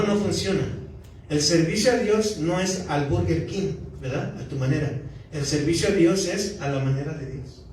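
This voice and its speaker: A pastor giving a conversational sermon, often checking in with the congregation. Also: male voice, high-pitched, a little hiss or hum. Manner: conversational preaching, often asking the congregation "¿verdad?". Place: church sanctuary. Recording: echoey church hall from far off.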